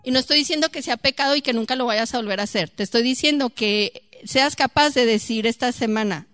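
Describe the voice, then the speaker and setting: A woman's voice: on the high side, brisk, dry recording, clean studio sound. A woman leading a church teaching, telling a story and firing rhetorical questions at her listeners. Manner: animated, rhetorical questions to the congregation. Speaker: Bible study leader.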